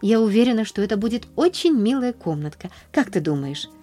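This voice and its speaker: A woman reading a storybook aloud, voicing an excitable cheerful little orphan girl with high, eager, breathless exclamations. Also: fairly quick, soft background music. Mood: delighted.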